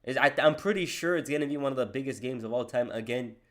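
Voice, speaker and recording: Speaking fast at a medium pitch, a man livestreams his reactions to a wrestling video while reading donations aloud. He talks in loose slang, frequently saying "bro."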